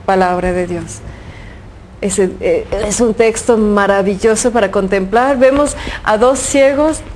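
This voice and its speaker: A woman's voice: a little high, a little mellow, a little hiss or hum. A woman giving a reflection on a Gospel passage, earnest and fervent, with many rhetorical questions. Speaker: religious speaker reflecting on the Gospel.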